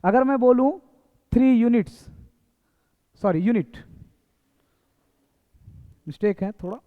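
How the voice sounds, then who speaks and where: A man with an extremely high-pitched voice speaks slowly while teaching a basic English class. He repeats himself and quizzes students with rhetorical questions; the audio is echoey and tinny, like a phone in a hall.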